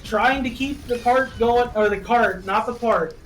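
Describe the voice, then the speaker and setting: A man doing play-by-play esports commentary, excitable and laughing at his own slips of the tongue. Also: very high voice, measured pace. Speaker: esports caster. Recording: distant mic with background noise.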